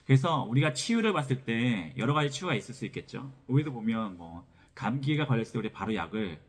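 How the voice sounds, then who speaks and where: A pastor preaches an expository sermon with scripture reading, repeating phrases as he explains, his throat sore from a cold. His medium-pitched voice swings widely in pitch and moves a little fast.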